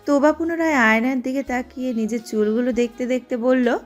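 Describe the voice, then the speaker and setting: A woman giving steady, scripted narration of an audio drama. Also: high voice, brisk, faint music behind. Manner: steady storytelling.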